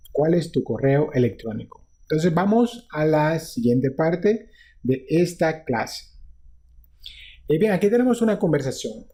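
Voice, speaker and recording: A Latin American man teaching English in a relaxed, unhurried way. His voice is dark and mellow, and he lifts his pitch when he repeats the example phrases. He explains things patiently and goes over the same line more than once. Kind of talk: casual spoken lesson.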